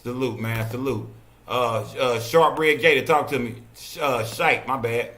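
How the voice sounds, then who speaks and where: A male host taking callers, brisk and casual. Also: mid-range voice, sharp tone, a little hiss or hum. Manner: brisk, calls on viewers.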